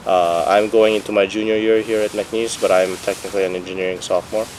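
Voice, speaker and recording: A young man who grew up in Bahrain, a student giving a relaxed, casual testimonial with some fillers. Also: on the low side, fast talker, slight background noise, rough recording. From Philippines, raised in Bahrain. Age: young adult. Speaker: engineering student.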